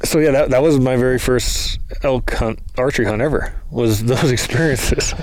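A man telling a lively story in casual talk, acting out the quoted lines of others. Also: medium pitch, normal speed, no room sound. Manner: animated storyteller, acts out quotes. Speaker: guest, bow hunter.

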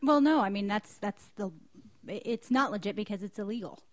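Woman co-host on a news podcast, earnest, keeps restarting her sentences, mid pitch. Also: brisk. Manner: earnest, self-correcting. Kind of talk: casual news chat.

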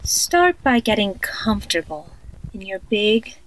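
A female performer plays an eerie woman narrating a guided sleep meditation in a horror audio story. She speaks very slowly and softly, like a sleep story narrator. Her mid-pitched delivery is soothing yet haunting. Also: big pitch swings, rough recording.

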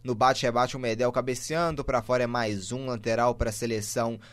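A man's voice: mid-range voice, steady tone, a little fast, a bit bright. A man with a Brazilian accent giving running play-by-play commentary on a football match.

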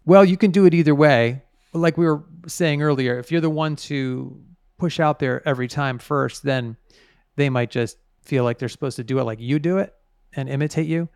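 A man's voice: fairly high pitch, normal speed, darkish tone, clear, resonant tone, no room sound, clean studio sound. A man interviewed as an author, explaining things conversationally and stressing key words.

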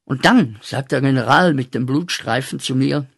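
A man acting a guilt-ridden corporal back from the war, in a radio play, speaking with slow, intense, declaiming rhythm. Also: mid-range voice, vocal fry, slightly rough, no echo, clean studio sound. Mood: haunted.

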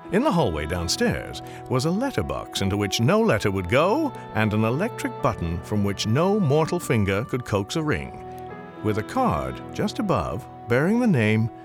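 An actor narrates a radio drama as a wry, theatrical storyteller, delivering it in an ornate, deliberate manner. He has a medium-pitched male voice, with music clearly behind him.

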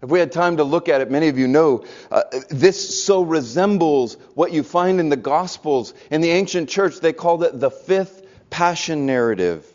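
A man preaching a sermon with earnest conviction, his voice sitting a bit high for a man. He often sinks into a soft hush to press a point home. The recording is dull and lo-fi. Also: animated, moderate pace. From American South. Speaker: pastor.

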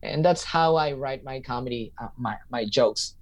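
In a medium-pitched voice at a moderate pace, a thirty-something comedian and teacher gives relaxed, reflective interview answers. He tends to restate his points while searching for the right words.

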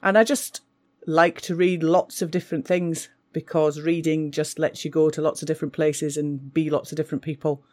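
A woman's voice: sits low, flat delivery, normal speed, a little mellow. A woman teacher, talking with enthusiasm about books she loves. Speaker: English teacher. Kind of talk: casual talk for school radio.

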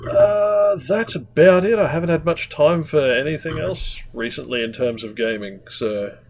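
A man's voice: fairly high pitch, normal speed, a little mellow. A man of twenty-eight co-hosting a casual gaming podcast, brash and swearing freely as he runs through listener questions. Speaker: podcast co-host and journalist.

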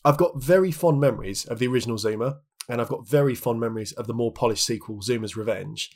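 A husky man in his thirties talks in a loose, reflective way, as a podcast co-host. His pitch sits in the middle. He restarts phrases often and leans on little fillers as he thinks aloud. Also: quick pace, darkish tone. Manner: chatty, many restarts and "like" fillers. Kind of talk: reflective casual chat.

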